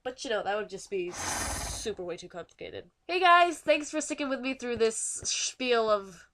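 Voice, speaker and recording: A woman's voice: a little high, expressive, normal speed. Nasal teen girl narrating a school project. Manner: chatty and self-deprecating. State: stuffy nose from a winter cold. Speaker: student YouTuber. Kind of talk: casual voice-over for a school project video.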